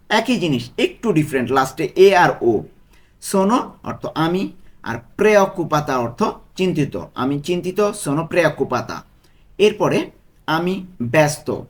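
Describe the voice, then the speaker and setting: A man with a Bangladeshi Bengali accent teaching Italian phrases, repeating each one slowly and asking and answering his own questions. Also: fairly high pitch. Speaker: language tutor. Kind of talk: Italian lesson taught in Bengali.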